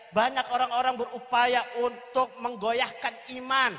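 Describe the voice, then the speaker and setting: A man's voice: extremely high pitch, little pitch movement, normal speed, sharp tone. A male preacher telling a religious story dramatically at a gathering, speaking straight to his audience. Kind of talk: sermon storytelling. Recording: reverberant hall sound.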